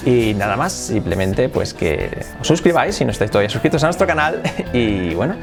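A man teaching an English lesson, repeating example sentences slowly, chatty and encouraging. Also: mid-range voice, big pitch swings, vocal fry, music in the background. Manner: chatty and encouraging, with light laughs. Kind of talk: online language lesson.

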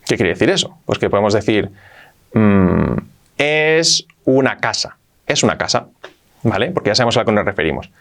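A man with a Spain Spanish accent teaches English in a video lesson, his voice rising and falling a lot as he explains. He slows right down to model each English phrase and repeats sounds over and over. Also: lowish voice, animated, gravelly.

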